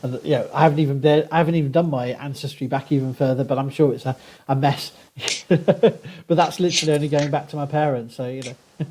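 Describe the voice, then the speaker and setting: A man with a posh Southern English accent, talking conversationally as an archaeologist guest on a podcast, explaining things in an animated academic way. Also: fairly high pitch, fairly quick, slight background noise.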